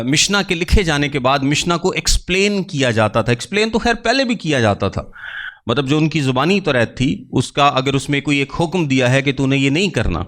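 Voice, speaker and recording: A male preacher with a Pakistani Urdu accent teaches at an ordinary, middle pitch. He poses a question, gives the answer himself, then says it again to drive the point home. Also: fairly bright tone. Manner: asks questions and answers them himself, repeating key terms. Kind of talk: sermon teaching.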